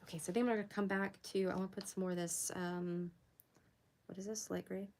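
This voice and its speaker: A young woman hosting a casual art livestream, chatting with viewers as she works, giggling often and jumping up high to greet people. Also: flat delivery, brisk, darkish tone. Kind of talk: casual livestream chat while drawing.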